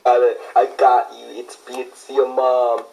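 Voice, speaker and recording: A man's voice: medium pitch, monotone, slow pace, gravelly, darkish tone. A young man making a reaction video, teasing and giggly, who repeats his jokes. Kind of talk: casual reaction commentary. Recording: faint noise.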